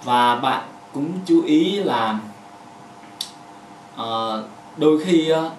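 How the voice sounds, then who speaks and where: A man who speaks Vietnamese natively teaches pronunciation, talking in halting stretches full of fillers and repeating each example word. His voice sits mid-range for a man. He sounds a little distant, in an echoey room with faint background hum. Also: mid-range voice, lively intonation. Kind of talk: explaining a lesson with hand demonstrations.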